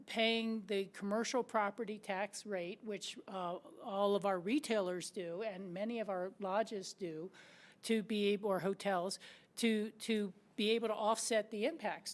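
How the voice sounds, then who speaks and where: An American woman on a city council making her case at a meeting, earnest and slightly hoarse, with frequent restarts. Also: medium pitch. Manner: earnest, argues point by point with many restarts.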